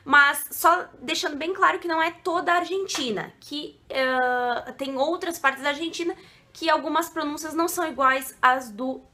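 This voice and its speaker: Bright-voiced woman teaching. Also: high voice, moderate pace. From Brazil. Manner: chatty and digressive, with frequent asides. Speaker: online Spanish teacher. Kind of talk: casual video lesson.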